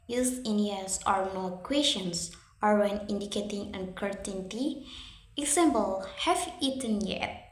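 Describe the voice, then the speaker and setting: A young woman presenting a prepared lesson, reading her explanation at a steady, measured pace. She switches between English and Indonesian. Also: a little high. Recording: echoey room.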